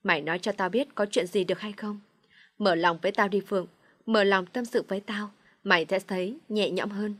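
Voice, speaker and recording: A brash, loyal young friend in an audio storybook, blunt and quick to get worked up, as a woman narrator plays her. She talks at a middle pitch for a woman. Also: steady tone, fairly bright tone, no echo, natural voice. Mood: coaxing.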